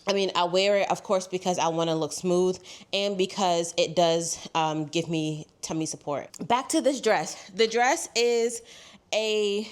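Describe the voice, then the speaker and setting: A woman's voice: on the low side, steady tone, unhurried, clean tone. A young woman, chatting casually through a clothing try-on haul, congested and a little out of breath, saying "y'all" a lot. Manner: chatty, says "y'all" often. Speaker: fashion haul vlogger.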